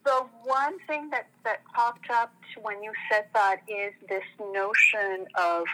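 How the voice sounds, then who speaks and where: A middle-aged woman, a guest in an interview, talking in a reflective, halting way with restarts. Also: mid-range voice, steady tone, sharp tone, rough recording. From born in Tunisia, raised in Algeria, France and the US. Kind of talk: conversational interview.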